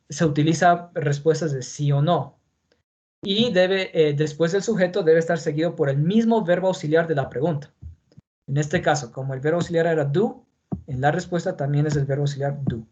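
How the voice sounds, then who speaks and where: A man with a fairly high voice explains grammar step by step, pausing often to check that his students follow. The sound is dull and lo-fi, with a faint hiss underneath. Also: a little mellow. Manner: patient, repeats points, checks in with "¿ya?". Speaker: English teacher. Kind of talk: classroom grammar lesson in Spanish.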